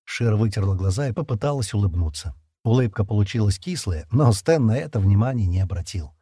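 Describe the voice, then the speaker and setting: Expressive male audiobook narrator. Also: on the low side, brisk, slightly rough, no echo, clean studio sound. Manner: expressive, lively reading. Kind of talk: scripted narration.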